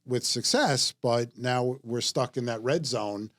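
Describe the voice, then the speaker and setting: On a casual real estate podcast panel, the male host speaks slowly in a medium-pitched, slightly bright voice. He's easygoing and jokes freely while reading out market figures from the news.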